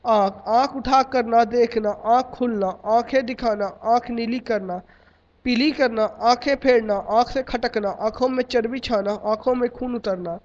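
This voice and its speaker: High-voiced man reading idioms in a list. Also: a little slow. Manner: steady list-reading cadence. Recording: dull lo-fi recording.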